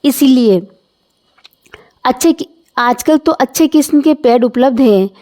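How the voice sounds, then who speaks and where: A woman voicing a calm young working wife who argues her point patiently, in a storybook reading. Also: sits high, unhurried. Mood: reasoning. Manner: calm, reasoning.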